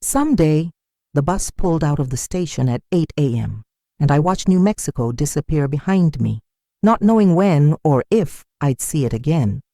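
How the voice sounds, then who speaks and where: A woman reading a scripted first-person story in an even, measured way. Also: low-pitched, no room sound, studio quality.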